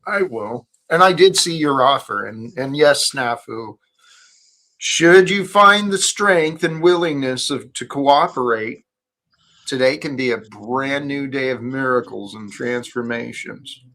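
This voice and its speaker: A man's voice: medium pitch, unhurried, sharp tone. A man hosting an earnest spiritual discussion in a preachy, emphatic way. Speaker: host of a faith discussion.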